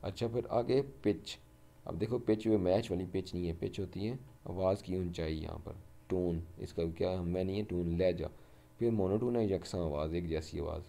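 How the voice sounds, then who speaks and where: A man teaching a vocabulary lesson, explaining each word slowly, repeating "ٹھیک ہے" and reading English example sentences slowly. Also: low voice, steady tone, vocal fry, mellow. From Pakistan. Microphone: voice-over over a screen recording.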